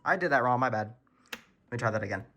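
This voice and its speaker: Heavy background noise surrounds this video host as he shows off his weather radio collection from his room. His voice is mid-range, quick and lively in intonation, and his tone is informal and earnestly hobbyist.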